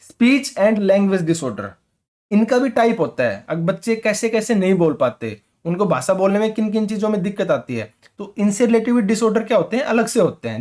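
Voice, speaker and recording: A man's voice: high-pitched, a little mellow. A man teaching an exam-prep lecture in colloquial Hindi with a rural North Indian accent, mixing in English terms and often checking in with "ठीक है?". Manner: conversational, keeps asking "ठीक है?".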